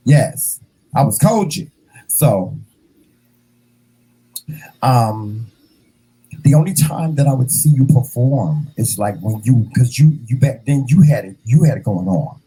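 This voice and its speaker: A man in his fifties hosting a casual interview, animated and playful, calling his guest "child" and "honey". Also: mid-range voice, takes it slowly, pauses often, husky, low-quality recording. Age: 50s. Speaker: host.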